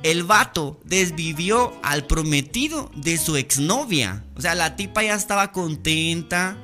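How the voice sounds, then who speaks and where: A man's voice: on the high side, measured pace, soft background music. A young Guatemalan man hosting a podcast, telling stories in casual, slangy, playful chat. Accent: Guatemalan Spanish. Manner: animated, slangy, playful storytelling. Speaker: podcast host.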